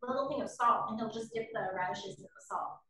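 A middle-aged woman runs a live online cooking lesson, chatty and full of ums. Her high voice comes from well across the room. The kitchen rings with heavy echo, with a faint hiss under it. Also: quick pace, sharp tone. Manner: chatty, explains with frequent ums and rightss. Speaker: cooking class host. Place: home kitchen, indoors. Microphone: laptop camera mic across the kitchen. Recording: roomy kitchen echo from far off, faint noise.

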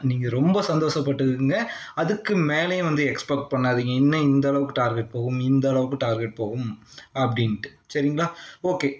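A Tamil-accented man explains a chart in a steady voice-over lesson. He reads out price levels one after another and keeps checking that the listener is with him. The sound is roomy and slightly dull. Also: mid-range voice. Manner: reads out long price figures in a steady list. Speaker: stock market trading teacher. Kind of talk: screen-recorded chart lesson. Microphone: voice-over on a screen recording.

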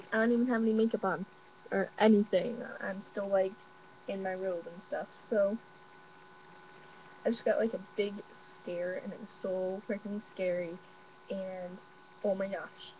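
Rambling young woman on a dull webcam. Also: mid-range voice. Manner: excitable, rambling, many fillers. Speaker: vlogger. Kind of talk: casual vlog. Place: bedroom at home. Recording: dull lo-fi webcam audio with faint mains hum.

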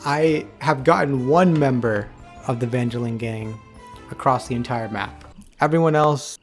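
A man giving casual, excitable commentary over a game he is playing, talking to the characters on screen as he goes. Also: mid-range voice, measured pace, faint music behind. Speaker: gaming video creator.

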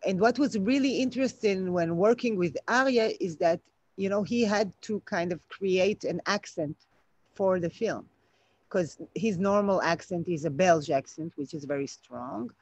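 A film director speaks hesitantly and thoughtfully, with lots of fillers, on a laptop webcam video call from her home garden at night. Her voice is fairly low-pitched and darkish, her pace moderate, with no echo. The audio has the dull, lo-fi quality of a video call.

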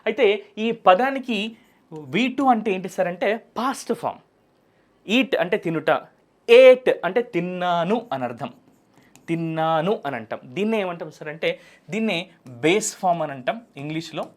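A man's voice: high voice, animated, a little fast. A man with a Telugu accent teaching spoken English, asking and answering his own questions and repeating each point. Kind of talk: explaining a lesson to students.

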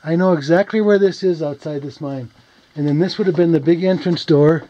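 Inside an abandoned underground mine, a man explores and casually thinks aloud about what he finds, narrating as he goes. His voice is a little high with a dark tone, and he speaks briskly. The sound is lo-fi.

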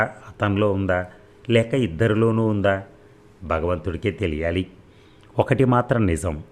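A man narrates a novel for an audiobook in a very deep, low voice. His reading is steady and unhurried, keeping an even storytelling pace.

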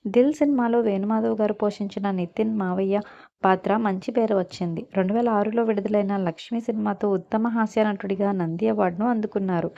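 Mellow-voiced woman reading a biography. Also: medium pitch, gravelly, muffled recording. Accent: Telugu. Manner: steady, even read-aloud delivery. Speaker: narrator. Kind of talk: scripted biography narration.

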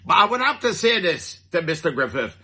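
Husky high-voiced Barbadian man joking. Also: big pitch swings, brisk, sharp tone. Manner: chatty, rhetorical questions, dialect phrases, chuckling asides. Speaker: radio comedy commentator in a market vendor persona. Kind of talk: comic folksy commentary.

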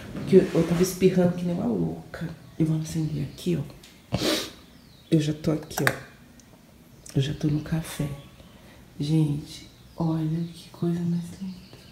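A Brazilian woman vlogging at home early in the morning, talking softly and gushing over her freshly painted wall. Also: on the low side, steady tone, moderate pace, vocal fry, echoey room, background noise. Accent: Brazilian Portuguese. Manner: hushed, gushing, repeats words for emphasis. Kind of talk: casual home vlog.

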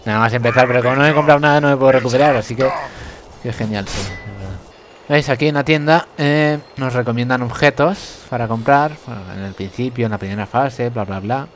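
A young gameplay commentator with a mid-range voice talks a little fast, casually mocking himself over a video game he admits he plays badly. He bursts into laughter and yelps, and game sounds and noise can be heard behind his voice.

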